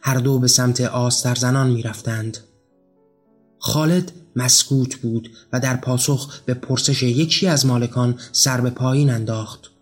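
A man narrating a literary story in a measured, somber way. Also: mid-range voice, steady tone. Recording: faint music behind the voice.

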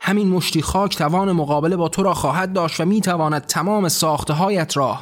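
Brief: a man doing a bold, defiant mortal shouting back at his judge, raised voice, faint music behind. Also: on the high side, fairly even intonation, natural voice.

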